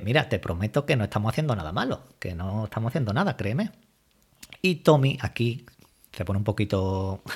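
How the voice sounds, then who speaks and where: A man from giving a casual, lively recap of a TV episode, loosely acting out the characters' lines as he retells them. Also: lowish voice. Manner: lively retelling, voices quoted dialogue loosely. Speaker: series recap commentator.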